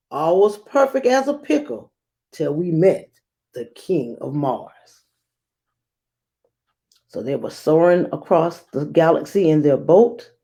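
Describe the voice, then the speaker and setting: A woman with a deep voice leads a children's read-aloud as a teacher, narrating in a measured, expressive storytelling style.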